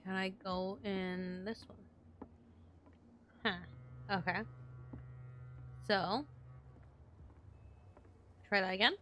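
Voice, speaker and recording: Casting: young woman gamer, bright voice, slow, chatty and wisecracking commentary. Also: mid-range voice, little pitch movement, a little hiss or hum. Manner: chatty, joking, swears freely. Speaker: gaming streamer. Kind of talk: casual gameplay commentary.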